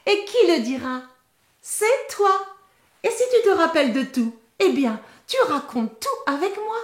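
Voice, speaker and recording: A woman hosting a children's show, telling a story in a slow, sing-song way and speaking directly to a young child. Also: extremely high pitch, very animated, reverberant.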